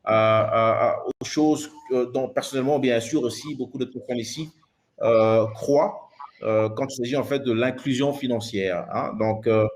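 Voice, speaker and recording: A man's voice: medium pitch, steady tone, normal speed. A man moderating an online panel, talking hesitantly with many fillers and repeated words.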